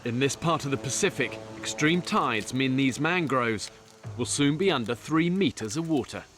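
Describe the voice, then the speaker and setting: A man delivering scripted documentary narration in a measured, explanatory way. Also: medium pitch, animated, fairly bright tone. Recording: voice-over with music behind.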